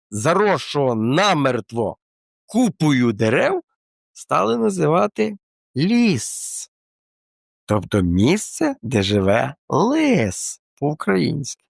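A man's voice: fairly high pitch, gravelly, dry recording. A man presenting a casual explanatory talk in a colloquial, playful way with slangy asides, close to the mic.

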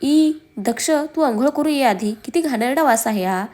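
A woman's voice: on the high side, lively intonation, moderate pace, a little mellow. A woman voicing a playful, pouty young pregnant wife in a storybook, coaxing and sulky.

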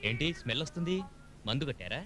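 A man doing a cocky film cop who talks fast and teases everyone, his voice bouncing up and down a lot, with film music running underneath. He sounds sure of himself and pushes ahead. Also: mid-range voice, sing-song, close to an everyday voice. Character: confident, joking male police investigator. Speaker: police officer. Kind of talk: film acting. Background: film score music.

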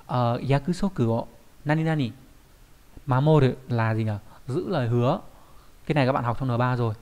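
A man's voice: mid-range voice, a little mellow. A young adult man teaching a Japanese vocabulary lesson, explaining patiently and often checking in with rhetorical tag questions.

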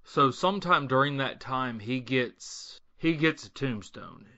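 A man's voice: mid-range voice, lively intonation, a little slow, sharp tone, no room sound, lo-fi sound. A man chatting casually as a podcast co-host, retelling the story and acting out bits of dialogue. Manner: conversational, retells the plot and acts out quotes. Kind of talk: casual chat.

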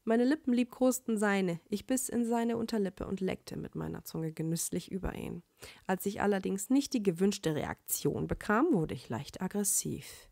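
Young woman, first-person fan fiction narrator; mid pitch, dry close-miked recording. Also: animated, moderate pace, vocal fry, dark tone, dry recording.

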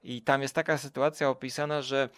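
A man's voice: mid-range voice, little pitch movement, a little fast, a bit bright, clean tone, no echo. A man chatting casually as a podcast guest, rambling with many fillers and restarts. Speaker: podcast guest, food show creator. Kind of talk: casual chat.

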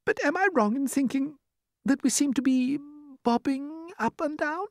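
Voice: high voice, moderate pace, dry recording, studio quality, pitched above the performer's own voice. A reader voicing a polite, fretful female ladybird in a children's storybook, with genteel manners. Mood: genteel, worried.

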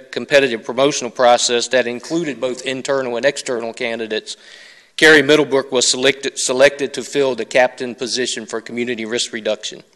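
A middle-aged man, a fire chief, delivering a formal report to a city council in a measured way with some fillers. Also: mid-range voice, a bit bright. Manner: measured, reads prepared remarks with occasional fillers. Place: council chamber. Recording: long reverb of council chamber.

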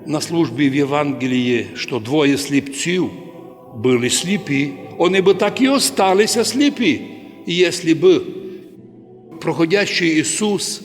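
A fairly high-pitched man delivers a sermon as an archpriest. He preaches with sudden loud, dramatic cries, and his voice rings through the long reverb of a large cathedral.

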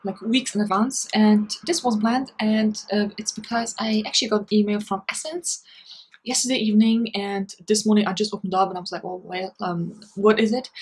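A woman's voice: medium pitch, husky, rough recording. A young woman vlogging a casual makeup product review from her bedroom, chatty and full of fillers. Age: young adult. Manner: chatty, many fillers like "you know" and "um". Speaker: beauty vlogger. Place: small bedroom, indoors.

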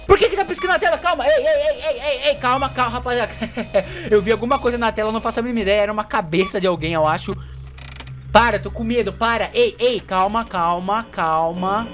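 Yelping and laughing nervously, this young gaming YouTuber plays a horror game and talks to his audience in let's play style, with a Brazilian Portuguese accent. His very high, somewhat bright voice comes fast over game music, with a little hiss or hum in the recording.

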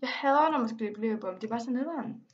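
Excitable young woman gaming. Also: fairly high pitch, highs cut off. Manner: excitable, quick to exclaim and complain, mixes in English slang. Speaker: gaming vlogger. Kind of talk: casual gameplay commentary.

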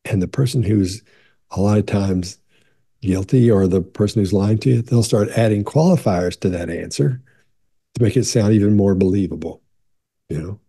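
A gravelly body language expert in his sixties talks straight to his webcam from a home office in a casual Q&A, his low, very dark voice carrying a husky edge. He speaks at a normal speed, loose and conversational, repeating himself, restarting, and circling back to reassure the viewer.

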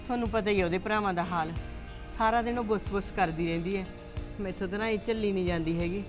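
An actress playing a caring mother-in-law who gently soothes her daughter-in-law in a village family drama. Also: mid-range voice, quick pace, music in the background, close to an everyday voice.

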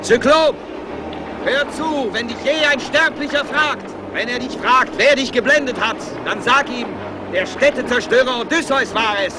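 Proud hero-king hurling taunts in a radio play, very high strained voice, clear noise behind. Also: moderate pace. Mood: defiant. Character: defiant Greek hero-king taunting a giant.

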